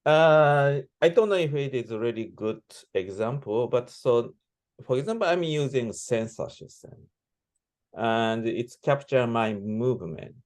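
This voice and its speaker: A man giving reflective interview answers as a composer, speaking halting non-native English with broken grammar. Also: medium pitch, animated, a little mellow. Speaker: interviewee, composer and sound performer.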